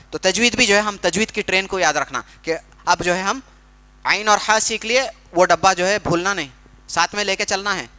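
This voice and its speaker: Teaching pronunciation in a Quran recitation workshop, a man speaks in a high-sitting voice with a sharp tone. His explanations are patient and full of everyday comparisons, and he demonstrates slowly, drawing each sound out.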